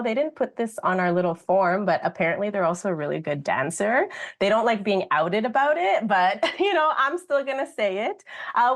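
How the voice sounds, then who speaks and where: Woman radio host, lower voice, lively and enthusiastic delivery. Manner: enthusiastic, animated. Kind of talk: community radio talk.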